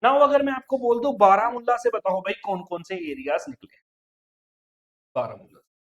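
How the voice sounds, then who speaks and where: A man's voice: high-pitched, sing-song, moderate pace, fairly bright tone, muffled recording. A male coaching teacher giving an exam-prep lecture, quizzing his students and repeating every answer. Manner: repetitive quizzing, keeps saying "okay" and "friend".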